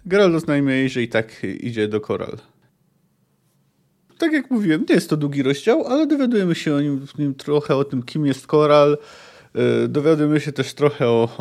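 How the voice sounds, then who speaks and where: A man's voice: fairly high pitch, darkish tone. Hesitant man summarizing a novel. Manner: hesitant, with frequent filler sounds. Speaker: podcast host. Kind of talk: book discussion and chapter summary.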